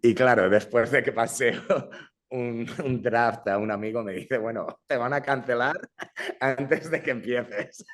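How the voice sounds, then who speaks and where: He speaks slowly in a mid-range voice. Born in Brazil and raised in Madrid, this young adult filmmaker is talking informally as an interview guest, often falling back on English fillers and restarting what he says.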